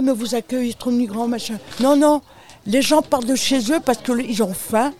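Speaking as an aid charity representative in an interview, a woman from France explains things spontaneously and with emphasis, frequently speaking straight to the listener. Her voice sits on the high side with a darkish tone.

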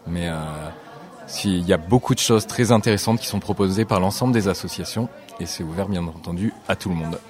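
A man, a guest on a radio show, explaining an event in a measured, informative way. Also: low voice, a little mellow. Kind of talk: radio interview.

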